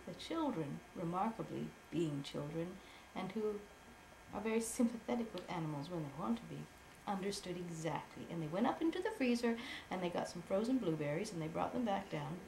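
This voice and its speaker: A mother with a cold, gently making up a bedtime story for her child at home. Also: on the low side, animated, normal speed. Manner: gentle, laughing between phrases. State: has a cold. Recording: echoey room, faint noise.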